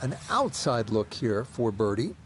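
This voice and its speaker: A man's voice: medium pitch, sing-song, measured pace, slight background noise. A man working as lead golf commentator, calling the play in short, composed phrases. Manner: short, composed calls of each shot.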